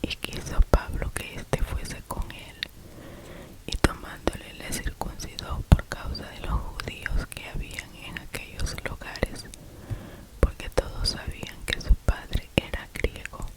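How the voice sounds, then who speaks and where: Reading scripture for ASMR, a person whispers into a cupped hand right up against the microphone, as though murmuring into your ear. The pace is unhurried and the audio is poor.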